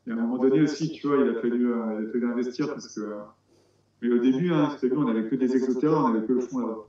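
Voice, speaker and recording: A man's voice: medium pitch, racing, dark tone. A man from France talks about breeding frogs, hesitant and full of restarts. His voice rings in a very echoey room. The sound is dull and muffled. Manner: hesitant, many restarts, explains step by step. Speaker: amateur frog breeder. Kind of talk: casual conversational interview.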